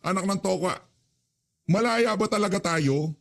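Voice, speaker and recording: A man's voice: high voice, normal speed, vocal fry, a bit bright. Angry ranting commentator man. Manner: angry, scolding, curses. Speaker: news commentator.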